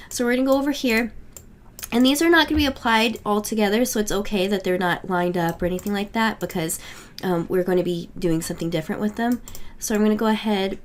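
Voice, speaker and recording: A woman with a medium-pitched voice, weak from getting over a cold, chats casually through a step-by-step crafting tutorial, using frequent fillers. Slight background noise is audible.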